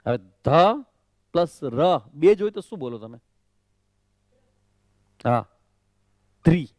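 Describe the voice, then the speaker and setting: A man's voice: fairly high pitch, animated, slow pace, dark tone, dry recording, clean studio sound. A swami teaching correct Sanskrit pronunciation of the Gita, drilling syllables over and over, questioning his students and slipping in English phrases. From Kutch, Gujarat.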